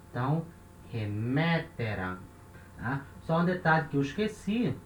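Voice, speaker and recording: A man teaching a recorded lesson in a patient, steady way. He checks in often with short tag questions and slows down to repeat word forms. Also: medium pitch. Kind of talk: recorded lesson explaining grammar. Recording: echoey room with faint noise.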